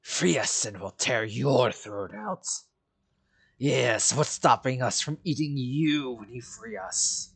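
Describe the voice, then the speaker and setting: A man voicing a pack of hungry captive wolves, speaking low with breathy hissing words. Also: expressive, slow, full character voice. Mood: threatening.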